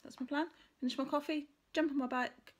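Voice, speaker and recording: Brisk and steady in tone, a woman with a high-pitched voice chats to camera about stitching. As a crafts vlogger, she rambles a bit and corrects herself while working through her thoughts aloud.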